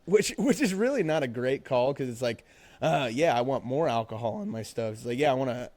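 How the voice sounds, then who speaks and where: A man's voice: medium pitch, lively intonation, brisk, darkish tone, no room sound. Rambling, profane young podcast guy. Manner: rambling, profane, full of fillers. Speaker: podcast co-host. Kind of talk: casual chat.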